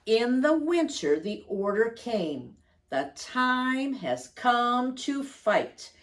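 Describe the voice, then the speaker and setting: Reading a picture book aloud to young children, a woman storyteller draws out words for emphasis and stops to ask them questions. Her fairly high voice is very animated and expressive.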